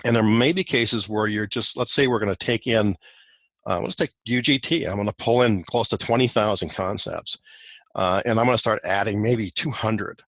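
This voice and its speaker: A man's voice: lowish voice, normal speed, fairly bright tone, no room sound. A man presenting a technical guide in a recorded webinar walk-through, explaining loosely with many fillers and restarts.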